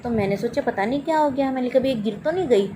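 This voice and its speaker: A mother with a fairly high voice talks fast as she shares a personal story about her daughter, testimony-style, against background noise. Along the way she voices both herself and her daughter.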